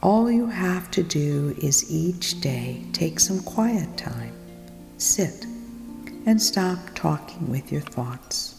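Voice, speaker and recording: A woman leading a guided meditation, speaking softly and soothingly, often in a whisper. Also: lowish voice, animated, slow pace, creaky. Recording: long reverb with music behind.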